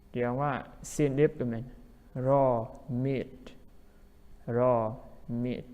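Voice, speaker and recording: A man's voice: mid-range voice, little pitch movement, very slow, clear, resonant tone, narrow, tinny audio. A man teaching English vocabulary as a language teacher, who repeats each word several times. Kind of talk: vocabulary lesson. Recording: long hall reverb.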